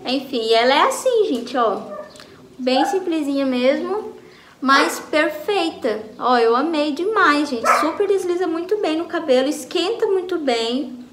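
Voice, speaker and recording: A woman's voice: high voice, animated, measured pace, a bit bright. A Brazilian woman with a Brazilian accent, chatting enthusiastically in a casual beauty vlog from her home. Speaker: vlogger. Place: home, bathroom then by a window. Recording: echoey room with faint noise.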